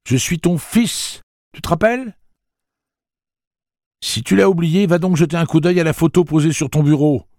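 A man with a low voice reading a novel aloud, playing a defiant teenage boy who speaks curtly and slowly. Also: lively intonation, vocal fry, darkish tone, dry recording, studio quality.

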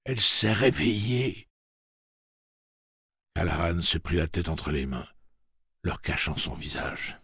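A male audiobook narrator with a very low voice. His tone is husky and gravelly, read in a measured way with dry studio sound. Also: fairly even intonation, a bit bright, no echo.

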